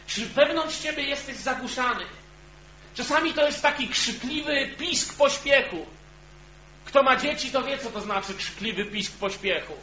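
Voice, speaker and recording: Male preacher, very high voice, earnest sermon to a congregation, echoey room, dull recording. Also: expressive, moderate pace, pushed and bright. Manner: earnest, addresses listeners directly with questions. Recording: echoey, dull sound with faint hum.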